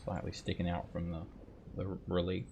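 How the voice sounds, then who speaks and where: A man running a tabletop role-playing game, narrating scenes in a measured, descriptive way. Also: low-pitched, completely flat delivery, creaky, a little mellow, slight background noise. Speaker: game master.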